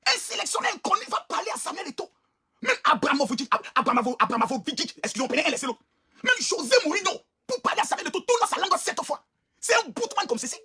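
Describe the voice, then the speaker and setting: A man's voice: very high-pitched, very animated, quick pace, background noise. A man giving an impassioned, indignant video rant as an online commentator, emphatic and pleading by turns.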